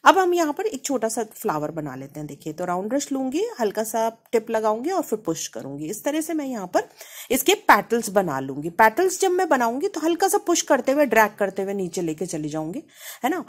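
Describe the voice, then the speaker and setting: A woman from India, speaking with an Indian accent, walks viewers through a painting lesson in a chatty, conversational way. Her voice is lively, rising and falling a lot as she explains. It has a slightly husky edge. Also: fairly high pitch, fairly quick. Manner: chatty, repeats "है ना" to check in. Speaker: painting teacher. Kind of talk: casual tutorial explanation.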